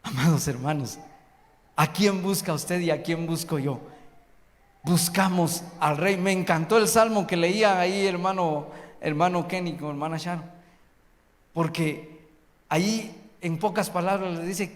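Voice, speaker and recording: A man's voice: sits high, a little slow. A man preaching a fervent sermon as a missionary, asking the congregation rhetorical questions. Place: church hall. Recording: long echo of a hall.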